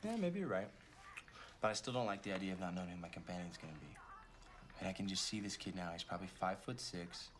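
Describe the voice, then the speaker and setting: A man's voice: low-pitched, expressive, quick pace, noisy background. A young man playing a sarcastic, lazy missionary, speaking dryly. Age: young adult. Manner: dry, sarcastic.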